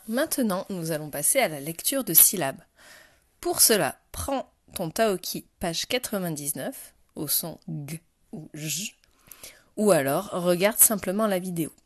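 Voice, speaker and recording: A woman's voice: on the low side, expressive, unhurried, dry recording, studio quality. A woman teaching phonics to a young child, speaking patiently and directly to the learner. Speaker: primary school teacher.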